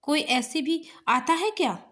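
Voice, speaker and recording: A flustered young man, quick to scold and impatient for a fix, as a woman narrator reads him. The voice stays fairly high and unforced, the tone of a spoken storybook romance. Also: lively intonation, fairly bright tone. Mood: exasperated. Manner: exasperated, scolding.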